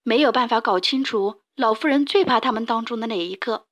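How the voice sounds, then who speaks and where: A woman reading a children's story aloud with lively, expressive narration. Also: on the high side, brisk.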